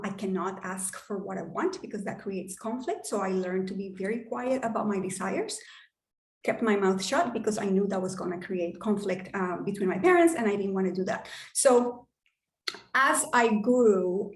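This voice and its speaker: A workshop host and wealth coach with a Colombian accent, a native Spanish speaker, gives an online workshop talk in a reverberant room. Her voice is medium-pitched and darkish in tone. She sounds casual and upbeat, swearing now and then.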